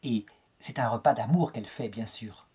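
This middle-aged French lecturer has a dark, husky mid-range voice and keeps a moderate pace. He turns a saint's life into a story, quoting its characters in a lifted tone.

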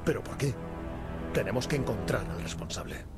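An actor playing a serious masked vigilante detective in a game dub, terse and analytical. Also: male voice, fairly quick. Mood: grave. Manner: terse, analytical, low and steady. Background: game music.

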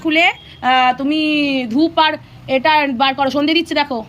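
High-voiced mother coaching her child at home. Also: steady tone, moderate pace, highs cut off, a little hiss or hum. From Bengal. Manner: patient, repeating instructions gently. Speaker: mother vlogger. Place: home, indoors.

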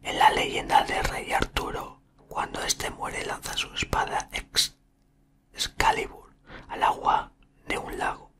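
A man in his thirties reads from a book in a breathy ASMR whisper, murmuring haltingly very close to the microphone. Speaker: ASMR content creator. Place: small room indoors. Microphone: desktop condenser microphone, very close.

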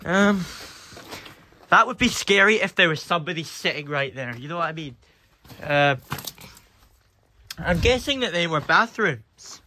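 This young man's fairly high voice is animated, bright and forceful, though he's unhurried and leaves long pauses, with slight background noise. He's an urban explorer vlogger talking to himself into a handheld phone as he nervously explores a derelict building and the outdoors around it. Jumpy and easily startled, he mutters under his breath.

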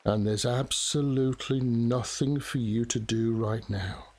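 A man leads a guided meditation in a soft, soothing voice of medium pitch. He speaks very slowly, leaving long pauses between short phrases. Steady rain falls behind him. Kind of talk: guided relaxation meditation narration.

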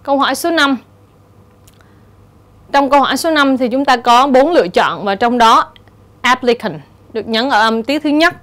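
A woman teacher with a Vietnamese accent, explaining exam answers step by step and reading English example words slowly. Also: sits high, fairly bright tone. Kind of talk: exam-prep lecture.

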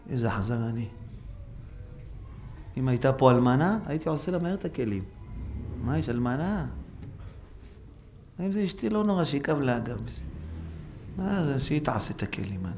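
Animated man preaching in a synagogue. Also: pauses often, faint music behind. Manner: animated, acts out quoted voices with sharp pitch jumps; rhetorical, repetitive exhortation. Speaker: rabbi. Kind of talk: Torah lesson in a synagogue. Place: synagogue hall. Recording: faint background noise, live stream.

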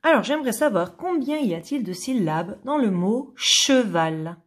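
A woman teacher giving a slow phonics lesson to young children, carefully sounding out and repeating each word. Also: on the high side, expressive.

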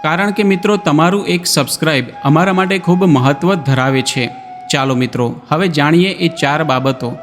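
A man narrating a scripted moral story in a measured way, speaking to listeners as friends. His voice is a little high. A long reverb trails each phrase, with music playing underneath.

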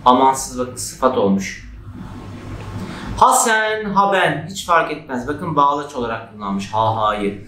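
A man teaching a grammar lesson for exam prep, lively and acting out example shouts. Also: a little slow, slight background noise. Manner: lively, acts out example shouts with raised pitch. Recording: echoey room.

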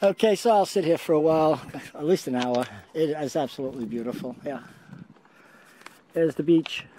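A man's voice: fairly high pitch, moderate pace, a little hiss or hum. Older man vlogging on a beach. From Scotland. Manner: relaxed, chatty, talks to his dog between remarks. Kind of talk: casual hiking vlog to camera. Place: outdoors on a rocky beach. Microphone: camera held at arm's length.

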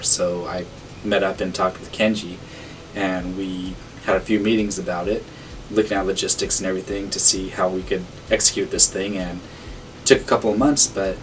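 A man from Sacramento, a board member, speaking to camera in an earnest, conversational way from a small office. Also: low-pitched. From Sacramento, California. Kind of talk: casual reflection to camera. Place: small office room with banner. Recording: distant mic with faint room hum.

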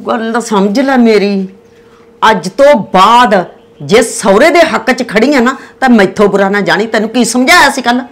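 Quarrelsome village mother-in-law, played by a woman, Punjabi accent, sarcastic, pitched high. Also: normal speed, lightly acted. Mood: bickering. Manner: bickering, sarcastic.

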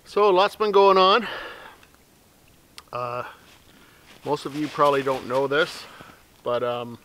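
A middle-aged man sits in a snowy forest, chatting casually to camera for his outdoor channel. His voice is a little high and he takes his time, with a little hiss or hum in the audio. He's relaxed and rambling, murmuring soft asides to his dog.

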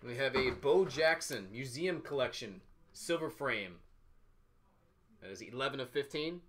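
A man's voice: medium pitch, lively intonation, a little slow, a bit bright, slight background noise. A man in his thirties hosting an unboxing, announcing each item in short, clipped phrases. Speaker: host of a sports card box-break show. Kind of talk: unboxing commentary, calling out items. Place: small office, indoors.

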